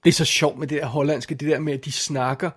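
A man's voice: a little high, steady tone, a bit bright, husky. A man co-hosting a casual film podcast who asks questions playfully and keeps the talk moving. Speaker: podcast co-host. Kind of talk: casual film-review chat.

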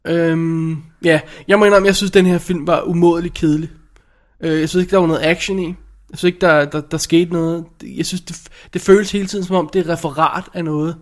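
A man co-hosting a casual film review show, giving blunt opinions in a relaxed way. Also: a little high. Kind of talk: casual chat reviewing films.

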